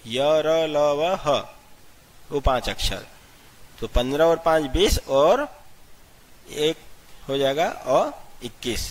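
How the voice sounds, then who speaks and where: A man teaching a grammar lesson step by step, asking questions and answering them himself, and spelling out letters slowly one at a time. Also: fairly high pitch. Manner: explains step by step, asks and answers his own questions. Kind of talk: classroom-style grammar lesson.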